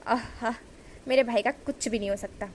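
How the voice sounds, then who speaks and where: A woman's voice: fairly high pitch, steady tone, normal speed, a little hiss or hum, close to an everyday voice. A woman voicing a boastful young man who teases his brother and stammers when he is questioned. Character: cocky young man, teasing older brother.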